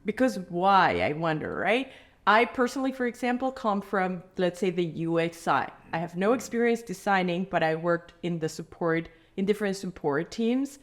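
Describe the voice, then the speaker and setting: Woman, lowish voice, podcast host, thoughtful, hesitant, many fillers. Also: lively intonation, moderate pace. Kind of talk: conversational podcast interview. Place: indoor room, in person with guest.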